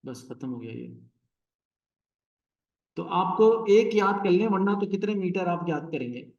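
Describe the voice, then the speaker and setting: A male teacher gives a classroom lecture, counting out syllables and stresses as he explains. His voice sits somewhat high for a man. He is recorded from a distance in an echoey room. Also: lively intonation, measured pace, a little mellow, dull audio.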